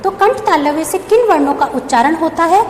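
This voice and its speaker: Female teacher, high voice, reverberant room; poses questions and answers them, spells letters slowly. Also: lively intonation. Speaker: school teacher. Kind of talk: classroom grammar lesson. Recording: echoey room with faint background hum.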